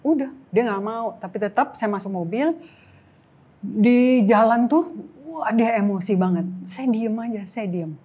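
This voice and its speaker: Husky woman telling a personal story. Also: fairly high pitch, unhurried. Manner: animated storytelling, acting out dialogue. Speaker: interview guest sharing her testimony. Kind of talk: emotional personal testimony.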